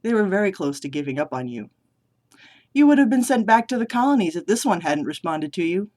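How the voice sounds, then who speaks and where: With a mid-range, very animated voice at a fairly quick pace, a vlogger reads a story scene and takes on the role of a smug, manipulative older male military commander. The tone is smug and commanding, pushed louder and more forceful than the vlogger's normal speech.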